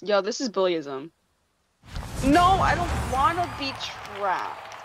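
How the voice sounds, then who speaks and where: A woman streaming a game, chatting casually, excitable and playful, joking around and swearing freely. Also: fairly high pitch, slow, background noise. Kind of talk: casual live gaming chatter.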